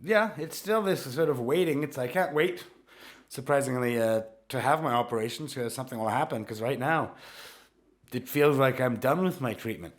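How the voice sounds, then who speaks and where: A man's voice: medium pitch, normal speed. A young man co-hosting a podcast, chatting casually and joking with an easy laugh. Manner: relaxed and joking, often laughing. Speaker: podcast co-host. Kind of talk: casual chat.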